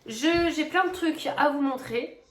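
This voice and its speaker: A middle-aged woman chats casually in a coloring vlog, her voice sitting high and moving a little slowly over slight background noise. She rambles, with lots of fillers and restarts.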